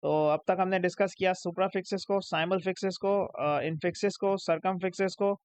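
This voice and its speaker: A man's voice: sits high, fairly even intonation, brisk, smooth, no room sound. A young man with a Pakistani Urdu accent, teaching a recorded English lesson over slides. He explains step by step and checks "ठीक है?" after each point. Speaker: English tutor. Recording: dry, dull lo-fi sound.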